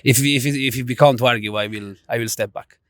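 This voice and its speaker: Man with halting, non-native phrasing. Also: medium pitch, steady tone, dry recording, studio quality. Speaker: street interviewee. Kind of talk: casual chat.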